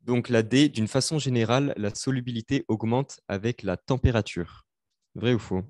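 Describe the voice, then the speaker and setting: A man's voice: mid-range voice, moderate pace, a little mellow, no room sound, studio quality. A young man tutoring students in a live online revision session, explaining step by step with many fillers and restarts.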